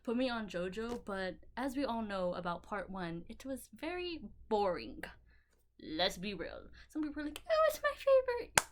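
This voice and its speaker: Rambling, excitable young woman. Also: mid-range voice, moderate pace. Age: young adult. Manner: rambling, excitable, swears casually. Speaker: vlogger showing her manga collection. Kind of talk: casual chat to camera. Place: bedroom.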